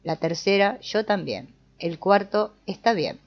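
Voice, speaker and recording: A woman giving a calm, measured scripted narration. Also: medium pitch. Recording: dull lo-fi voice-over with soft guitar music.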